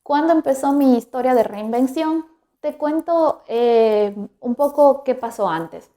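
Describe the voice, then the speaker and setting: Higher-voiced woman podcaster. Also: animated, a little slow. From Ecuador. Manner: reflective and candid, warm direct address to listener. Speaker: podcast host. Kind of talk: personal storytelling monologue.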